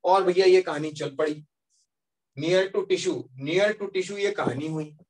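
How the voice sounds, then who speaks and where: Male teacher, lively classroom storytelling, high voice, distant mic, classroom. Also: slow pace. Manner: lively, keeps checking with students. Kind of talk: classroom lecture told as a story.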